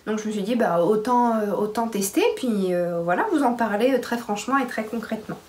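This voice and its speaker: A pregnant woman chatting casually to camera about her sewing, with many pauses and restarts. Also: medium pitch, a little mellow, a little hiss or hum. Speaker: sewing vlogger.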